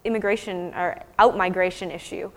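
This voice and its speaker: With a fairly low voice, fairly even intonation and normal speed, an American woman researcher gives an academic talk about her fieldwork. She answers audience questions informally, phrasing things thoughtfully and explanatorily. The room adds long hall reverb.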